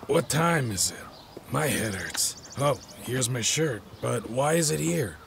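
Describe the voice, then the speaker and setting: A man's voice: medium pitch, expressive, slow pace, vocal fry, a little hiss or hum. A weary, bewildered father. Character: tired widowed father, bewildered.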